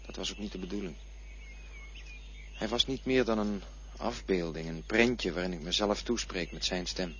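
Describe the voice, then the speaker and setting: Sitting low with a fairly bright tone, an actor voices a man who wakes in a coffin after dying and, bewildered, tries to describe what he saw. He sounds weary, dreamy and halting, fumbling for words, in a dull lo-fi radio play recording with a faint hiss.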